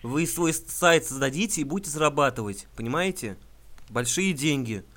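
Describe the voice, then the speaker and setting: A man making a prank phone call, talking in a deadpan, mock-earnest way and stumbling over words. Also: on the high side, fairly quick. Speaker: prank caller.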